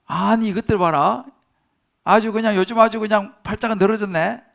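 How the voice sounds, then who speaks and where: A man voicing a furious, domineering ancient king who scolds and shouts, acted out within a sermon. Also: on the high side, animated, fast, vocal fry, voice pushed down.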